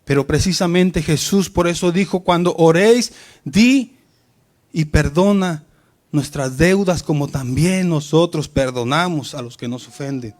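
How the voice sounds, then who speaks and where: Man, preacher, sermon, high voice, swells and drops for emphasis. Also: unhurried, darkish tone. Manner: preaches with rising and falling emphasis, often addressing "querido hermano".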